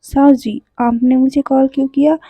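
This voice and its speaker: A woman's voice: sits high, level tone, normal speed, warm tone, slightly rough, dry recording, highs cut off. A woman voicing a strict but caring adult man who scolds his nephew firmly. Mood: firm scolding. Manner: scolding, firm. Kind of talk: storytelling voice acting.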